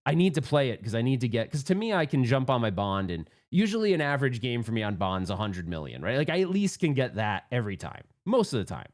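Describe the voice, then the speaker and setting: Speak as a man telling a personal story to your channel's viewers in an unscripted, rambling way. Mock yourself openly and keep it candid, with a middle-pitched voice that swings up and down freely. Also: big pitch swings, fast talker, hardly any pauses. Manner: rambling, self-mocking, candid. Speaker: pinball channel host. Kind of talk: casual storytelling monologue.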